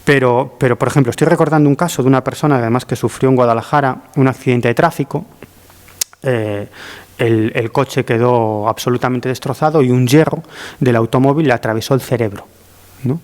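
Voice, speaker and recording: A man's voice: medium pitch, fairly quick, a little mellow. A man telling a story in a casual, rambling way, often tagging "¿no?" and restarting his sentences. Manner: rambling, with frequent "¿no?" tags and restarts. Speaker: guest author. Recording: long hall reverb.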